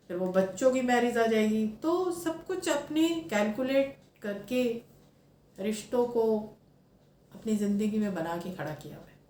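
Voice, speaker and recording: A woman's voice: on the high side, warm tone, reverberant. Woman, 30s, spiritual speaker, earnest reflective talk, English phrases mixed in, faint room hum behind.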